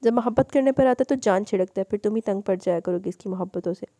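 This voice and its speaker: Woman voicing a gentle consoling sister-in-law. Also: medium pitch, quick pace, no echo, lightly acted. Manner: soothing, advising.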